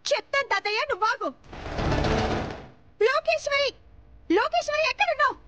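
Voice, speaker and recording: An actress playing an angry woman who shouts and accuses a relative in a TV serial, on dull TV audio. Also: extremely high pitch, lively intonation, moderate pace, heavy background noise. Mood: furious shouting. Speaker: Gundamma, accusing daughter-in-law. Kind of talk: Telugu TV serial acting.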